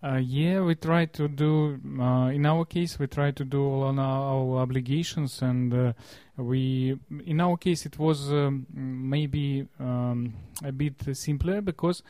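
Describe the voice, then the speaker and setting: In an interview, a Russian man with a Russian accent explains things in halting, non-fluent English, often searching for words. His mid-range voice is dark in tone with fairly even intonation, captured in studio quality with no echo.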